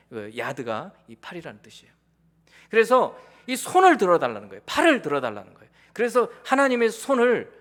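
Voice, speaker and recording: Animated high-voiced male Korean pastor. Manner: animated preaching, acting out prayers and quoted questions. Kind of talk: sermon.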